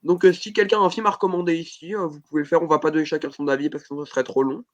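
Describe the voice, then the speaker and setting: A man leads a relaxed chat about genre films. He wanders through his points with many fillers and pokes fun at himself. His voice sits a little high, and the recording sounds dull and lo-fi. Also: very fast. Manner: rambling, filler-heavy, self-deprecating. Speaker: podcast host. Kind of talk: casual film podcast chat.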